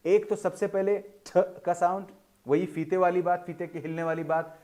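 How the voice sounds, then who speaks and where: A man teaching English pronunciation in a video lesson, explaining in a formal tone with Urdu-flavoured words and slowly drawing out each example word. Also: high-pitched, steady tone, mellow. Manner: slow, drawn-out model pronunciations between explanations.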